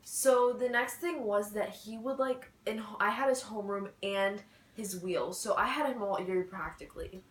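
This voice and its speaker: A woman's voice: medium pitch, normal speed, few pauses. Chatty teen girl in an echoey room. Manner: chatty, many "like" and "so, yeah" fillers. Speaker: vlogger. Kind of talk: casual storytime chat.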